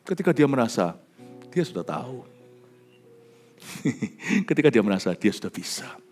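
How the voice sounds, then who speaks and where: A male pastor preaching a sermon with dramatic swings from loud declarations to hushed near-whispers, mixing in English phrases. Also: on the high side. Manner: mixes English phrases into his talk, sings worship lines.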